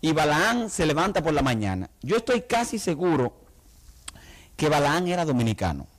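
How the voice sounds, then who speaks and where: Man, high voice, pastor, lively sermon, rhetorical questions. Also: moderate pace. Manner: animated, humorous preaching with rhetorical questions to the congregation. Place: church.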